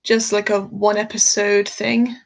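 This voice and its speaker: A woman's voice: medium pitch, little pitch movement, measured pace, vocal fry, rough recording. A woman chatting casually on a live stream while she draws, a bit tired, rambling and laughing often.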